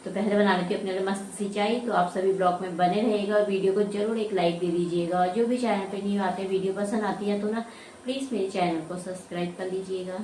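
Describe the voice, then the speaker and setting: A woman in her thirties talks through her morning chores in a loose, rambling home vlog. Her voice is soft and mellow, neither high nor low, and she breaks into easy laughs. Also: steady tone, quick pace, a little hiss or hum. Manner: chatty, rambling, laughs often. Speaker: vlogger. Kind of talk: casual home vlog narration. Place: home, rooms and rooftop.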